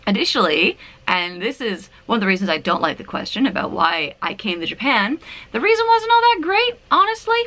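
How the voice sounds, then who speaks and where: A woman's voice: a little high, very animated, moderate pace, pushed and bright. A woman in her thirties from Canada, chatting to the camera at home in a giggly, self-deprecating way. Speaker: vlogger. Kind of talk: casual chat to camera. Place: her apartment, indoors.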